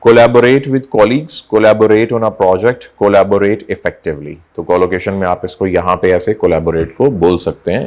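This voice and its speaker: A male teacher lecturing on English vocabulary, explaining in Hindi and reading English examples slowly and deliberately. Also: deep voice, a little mellow. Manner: explains in Urdu-Hindi mixed with slow, drawn-out English examples. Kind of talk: recorded classroom lecture.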